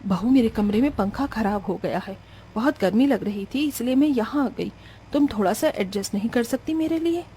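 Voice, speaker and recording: A woman's voice: on the high side, animated, normal speed, warm tone, slight background noise, natural voice. A woman voicing a stingy middle-aged mother-in-law in a cartoon, talking in a scolding, dismissive way. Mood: weary.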